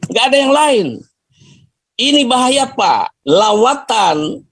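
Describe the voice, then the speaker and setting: Man, high voice, dry sound, insistent, repeats himself, video call debate. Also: very animated, slow, fairly bright tone, dry recording. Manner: insistent, repeats short phrases, pushes for his turn. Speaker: guest debater.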